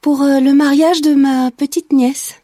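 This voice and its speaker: A woman's voice: high voice, flat delivery, measured pace, dark tone, dry recording, clean studio sound, voice pushed up. Woman doing a frightened, fretting old lady. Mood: nervous. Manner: nervous, hesitant, fretting. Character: timid, anxious old woman in her eighties.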